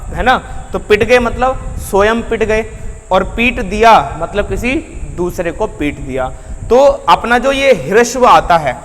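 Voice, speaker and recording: Guy teaching grammar, kinda high voice, keeps asking the class stuff then answering it, echoey room. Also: fairly bright tone, slight background noise. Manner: asks students questions and answers them himself; addresses students as beta and bhaiya. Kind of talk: classroom lecture.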